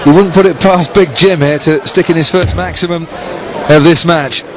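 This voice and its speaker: A man's voice: a little high, steady tone, normal speed. A man giving live darts commentary as a sports commentator. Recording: commentary over loud crowd noise. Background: busy crowd.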